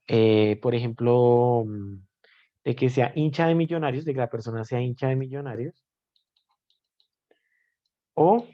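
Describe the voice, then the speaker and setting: A man's voice: medium pitch, warm tone, dull audio. A man teaching math in a live online class. He explains step by step and keeps checking in with his students.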